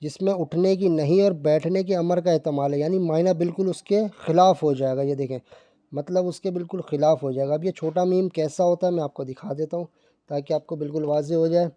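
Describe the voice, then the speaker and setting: A man teaching Quran reading in Urdu, explaining patiently and reciting verses slowly. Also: fairly high pitch, fairly even intonation, warm tone, no echo. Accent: Pakistani Urdu.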